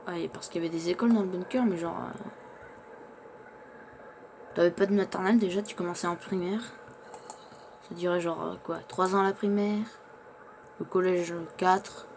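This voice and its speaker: A man's voice: high voice, fairly even intonation, normal speed, long pauses. Chatty male gamer over noisy game sound. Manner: chatty, narrates his own actions, stumbles over words. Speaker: gamer playing in character. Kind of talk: in-character survival gameplay commentary.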